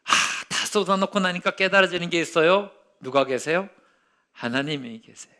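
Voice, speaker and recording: A male pastor preaching a sermon, telling a story and acting out its quotes, dropping to a hush and rising loud again. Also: high voice, normal speed. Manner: storytelling with acted-out quotes, swinging from hushed to loud.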